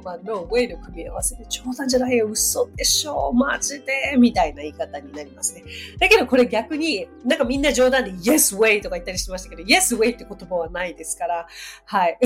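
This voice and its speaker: A woman's voice: fairly high pitch, a bit bright. A woman hosting a podcast English lesson, chatty and friendly, with laughs between her explanations.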